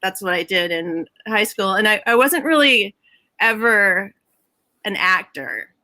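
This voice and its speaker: A woman's voice: medium pitch, lively intonation, unhurried, pushed and bright, no room sound. A woman in her fifties with a slight Minnesotan accent, chatting as an interview guest over a video call from home, laughing often and restarting sentences. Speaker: guest, Broadway head of props. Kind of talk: casual interview chat.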